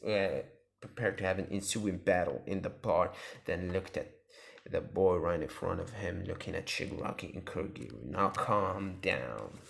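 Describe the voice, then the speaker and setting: Male channel host, deep and gritty, improvises a fan story off the cuff. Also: moderate pace, gravelly. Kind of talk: casual fan-story narration.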